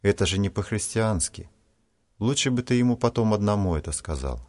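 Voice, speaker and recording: A man doing a gentle, timid schoolboy. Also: lowish voice, lively intonation, a little fast, voice pushed up, close to an everyday voice.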